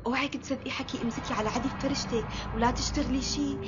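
An actress playing a resentful young Damascene wife who complains sharply in a period TV drama, with a Damascene Syrian accent. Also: female voice, high-pitched, fairly even intonation, fast, muffled recording, noisy background, close to an everyday voice. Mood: coaxing. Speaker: first wife.

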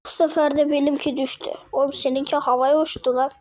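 A woman's voice: high voice, quick pace, slight background noise. A woman giving playful, slangy gameplay commentary, yelping, giggling and voicing the fighters. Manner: excitable, slangy, yelps and giggles. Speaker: gameplay narrator.

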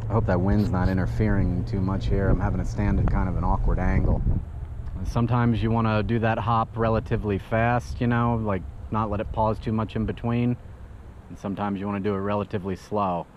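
A man's voice: fairly low pitch, fairly even intonation, brisk, darkish tone. A man hosting his fishing channel, talking casually outdoors by a lake while he fishes, rambling with lots of "uh" and restarts. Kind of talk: casual first-person fishing commentary. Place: outdoors at a windy lake shore. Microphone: head-mounted action camera. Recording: dull lo-fi action camera audio with wind noise.

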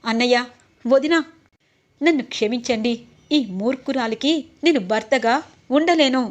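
An indignant young man from a serial, drunk and accusing his wife, read by a woman in her own voice. The delivery stays slightly high and plain. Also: unhurried.

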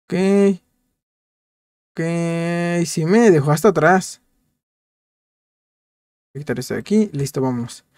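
A man's voice: on the high side, takes it slowly, long pauses, a little mellow, no room sound. A man casually commenting on his gameplay, joking and talking to viewers while repeating short words in bursts. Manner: chatty, jokey, talks to viewers while playing. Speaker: gameplay youtuber.

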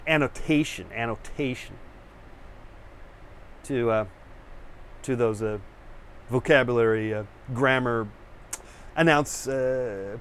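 A man's voice: mid-range voice, vocal fry, a bit bright, a little hiss or hum. A man hosting his own painting show, chatting casually to camera in a rambling way, full of fillers and restarts, searching for words and wired on coffee. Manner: self-searching, hunts for words; rousing, pep-talk delivery. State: over-caffeinated.

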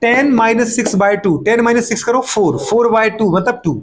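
A middle-aged man teaches chemistry in a classroom lecture, using an extremely high-pitched voice over a little hiss or hum. He fires off fast rhetorical questions and repeated catchphrases, playfully scolds students, and sometimes voices their replies.

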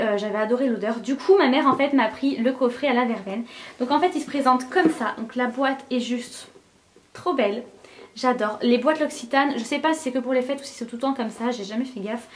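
A young woman vlogging from home in a casual, gushing way, her voice sitting somewhat high. She talks to her camera with plenty of fillers and excited asides. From France. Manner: chatty, enthusiastic, gushing with frequent fillers. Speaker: beauty vlogger. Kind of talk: casual vlog chat.

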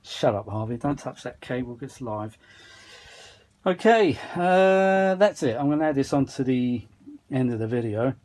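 Unhurried and mid-range, the voice belongs to a British vintage audio repair enthusiast and video maker chatting to himself at an indoor workshop bench. His commentary is loose, rambling and self-deprecating, with steady machine noise underneath.

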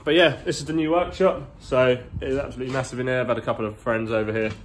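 A man's voice: mid-range voice, steady tone, very fast, a little hiss or hum. A man in his twenties chatting casually on a vlog while walking through a big garage workshop. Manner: chatty, rambling, slangy. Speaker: car vlogger. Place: large indoor garage workshop. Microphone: phone held at arm's length.

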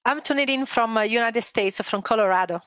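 A woman from Italy with an Italian accent, a former motocross racer answering interview questions in English, with pauses as she searches for words. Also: on the high side, a bit bright, dry recording.

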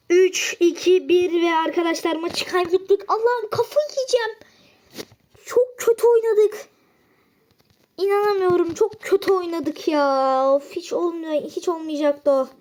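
A woman giving live gameplay commentary, excitable and often exasperated as she plays. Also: very high-pitched, unhurried. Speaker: gaming channel host.

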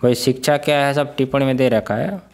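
A male spiritual teacher giving a scripture class, often putting questions to his listeners, chuckling and sounding out syllables slowly. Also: mid-range voice, fairly even intonation, darkish tone. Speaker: Vedanta teacher.

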